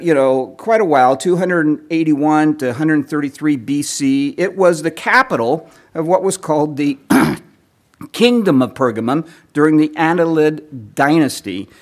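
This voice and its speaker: A man giving a teaching sermon, lecturing in a measured way, clearing his throat often as he is losing his voice. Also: on the high side. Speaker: preacher.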